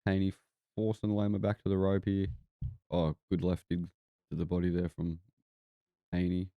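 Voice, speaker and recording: A man's voice: low voice, completely flat delivery, moderate pace, no echo, narrow, tinny audio. A man with a broad New Zealand accent giving casual, laid-back, sweary live fight commentary. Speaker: boxing watch-along podcast host.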